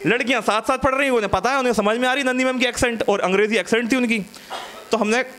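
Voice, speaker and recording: A male stand-up comic with a notably high voice, spinning stories in a loose, chatty way. He keeps breaking off to banter with his audience on a small studio stage. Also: steady tone, racing, sharp tone, a little hiss or hum. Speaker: stand-up comedian. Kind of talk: stand-up comedy set.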